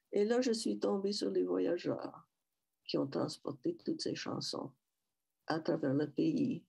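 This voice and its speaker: An older woman from Saskatchewan speaks with a Métis French accent from western Canada, her voice low, dark and breathy with vocal fry. As a guest speaker giving a personal talk at a public event, she talks slowly and reflectively, restarting and repeating herself. She joins by video call on a headset mic from a small room in her home.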